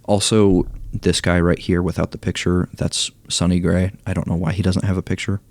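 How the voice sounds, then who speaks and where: Low gravelly guy going through game cards, slow and hoarse, super dry mic. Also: little pitch movement, a little mellow, no echo. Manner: low-key, thinking aloud, reading stats. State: losing his voice, hoarse. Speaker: gaming YouTuber ranking cards. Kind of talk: casual commentary.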